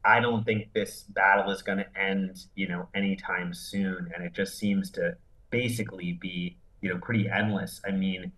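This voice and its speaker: A man's voice: sits low, steady tone, moderate pace, a bit bright, poor audio. A man in his forties, an entertainment news editor, explains a legal story on a video call in a conversational, step-by-step way with many "you know"s. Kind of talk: remote news interview. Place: indoor room with framed poster behind.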